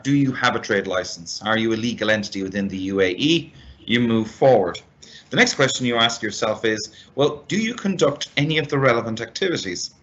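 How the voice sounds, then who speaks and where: A fairly low male voice on a dull, lo-fi recording. He presents as an expert, walking listeners through rules step by step in a methodical, deliberate manner. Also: sharp tone, slight background noise. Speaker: expert speaker on business regulations. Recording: dull, lo-fi band-limited sound.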